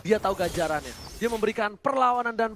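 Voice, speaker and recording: High-pitched, fast Indonesian male esports caster. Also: animated. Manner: dramatic, emphatic, repeats phrases for effect. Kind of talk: excited esports match commentary. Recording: loud game noise behind the voice.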